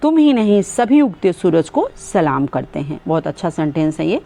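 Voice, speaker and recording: A woman teaching English sentences in Hindi, explaining with fillers and saying each English sentence very slowly and clearly. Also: on the low side, sing-song, dark tone.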